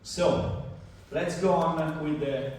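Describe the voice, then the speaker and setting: A man's voice: fairly high pitch, fairly even intonation, takes it slowly, a little mellow. Male lecturer in an echoey classroom. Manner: informal, repeats words while teaching. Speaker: university lecturer. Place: university classroom. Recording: echoey classroom from far off with noise.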